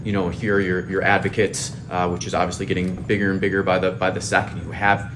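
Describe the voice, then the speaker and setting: A man in his thirties with a deep voice explains things as a podcast guest. He sounds conversational and professional, over slight low background noise. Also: flat delivery, fast. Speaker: podcast guest, financial advisor.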